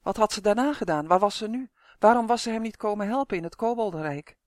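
A narrator reading a children's fantasy audiobook in a calm, expressive storytelling manner. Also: medium pitch, fast, no room sound, studio quality.

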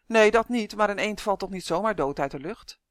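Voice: mid-range voice, expressive, fairly quick, no room sound, clean studio sound, lightly acted. A reader voicing Emmy, a squeamish, fussy young girl who sounds disgusted, in a storybook reading. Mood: questioning.

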